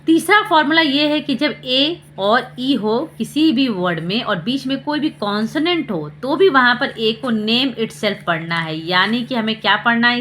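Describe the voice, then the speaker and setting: Woman, phonics teacher for parents, bright slightly high voice, faint hiss behind. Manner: slow, deliberate letter-by-letter explanation with rhetorical questions. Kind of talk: explanatory lesson for parents.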